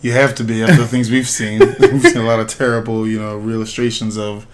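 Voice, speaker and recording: Raspy man in casual podcast chat. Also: fairly low pitch, big pitch swings, quick pace. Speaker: podcast co-host.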